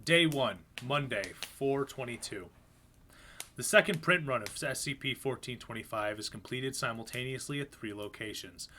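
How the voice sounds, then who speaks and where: Man calmly reading horror fiction aloud. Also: normal speed, a little hiss or hum. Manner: low-key, even narration with casual asides. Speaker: reader.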